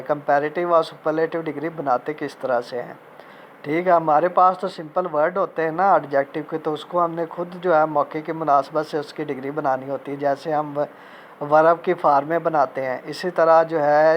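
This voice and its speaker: A man teaching a recorded grammar lecture in Urdu, reading out English example sentences and repeating each point slowly. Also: a little high, lo-fi sound, slight background noise. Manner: mixes Urdu speech with spoken English examples.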